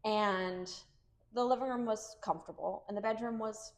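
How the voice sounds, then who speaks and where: A woman's voice: mid-range voice, fairly even intonation, normal speed. A woman co-host of a casual podcast, talking in a loose, rambling way. She fills her sentences with "like" and laughs easily while she tells her stories. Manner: chatty, lots of fillers, laughs easily. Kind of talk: casual chat.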